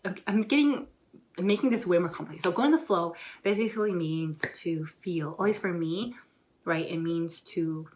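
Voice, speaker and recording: A young woman vlogger talking casually and excitedly to camera, rambling with lots of filler words as she gives motivational advice. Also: lowish voice.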